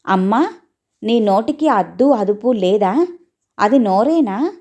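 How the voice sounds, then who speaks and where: A woman's voice: mid-range voice, expressive, slow, mellow, dull audio. A woman voicing a devoted young daughter in a storybook reading, pleading and reproachful by turns. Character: devoted young adult daughter, earnest and protective.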